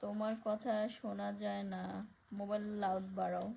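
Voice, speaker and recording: Soft-spoken woman with a gravelly voice. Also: mid-range voice, level tone, normal speed, slight background noise, low-quality recording. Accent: Barishal Bengali. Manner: reads comments aloud and thanks viewers by name. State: speaking softly because of neck pain. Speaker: live-stream host reading viewer comments. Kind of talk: casual live-stream chat.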